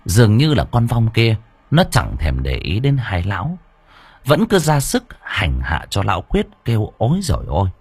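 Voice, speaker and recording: A man narrating an audiobook story in a lively, expressive way. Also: fairly low pitch, normal speed, breathy edge, no echo.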